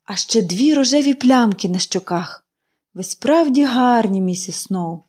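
A woman's voice: a little high, animated, a little slow, a little mellow. A woman voicing a cheerful, chatty young girl in an audiobook reading, gushing and eager.

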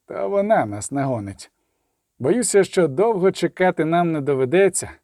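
A man voicing a cold, calm male leader in an audiobook, speaking in a measured way. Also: a little high, dry recording, studio quality.

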